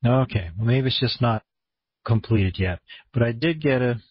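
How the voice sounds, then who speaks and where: Male conference-call host, Maine accent, husky voice, laid-back rambling delivery, dull lo-fi recording. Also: medium pitch, lively intonation, moderate pace, dry recording. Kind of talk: casual, rambling online presentation. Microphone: online conference room call. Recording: dull, muffled lo-fi audio.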